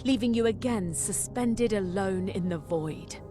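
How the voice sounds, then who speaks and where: A woman's voice: mid-range voice, unhurried. A woman reading scripted second-person fantasy narration as a game narrator. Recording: music behind the voice.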